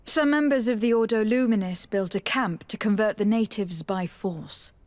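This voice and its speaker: A woman voices an assertive, composed noblewoman diplomat in a video game, delivering her lines formally, directly and resolutely. Her medium-pitched, darkish voice is close to an everyday one, at normal speed, with music playing behind it.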